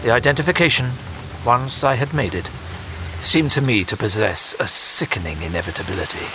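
An actor playing a loyal, excitable Victorian doctor in a period audio drama, with a formal, dramatic storytelling manner. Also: male voice, mid-range voice, fairly quick, background noise, natural voice. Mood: grave, suspenseful. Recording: rain and music behind. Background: music, heavy rain.

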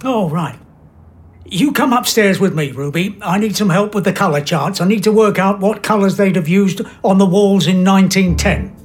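A man's voice: high voice, normal speed, slightly rough. An actor playing a fussy, jolly and slightly pompous stepfather, keen on home restoration. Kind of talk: drama acting.

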